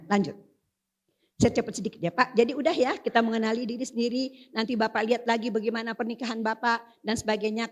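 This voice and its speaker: An older woman speaking as a parenting expert at a seminar, chatty and lively, often addressing the audience directly. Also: fairly high pitch. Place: seminar hall.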